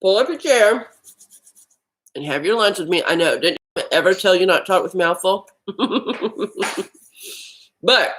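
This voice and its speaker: A health vlog host with a lowish, slightly bright voice chats casually on a live stream about healthy eating while eating lunch at home. The recording is rough.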